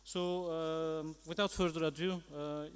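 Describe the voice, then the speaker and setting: In a large conference hall full of long, echoing reverb, a man chairs a session with unscripted, semi-formal remarks, polite and hesitant. He speaks unhurriedly in a fairly high, flat voice with a clean tone.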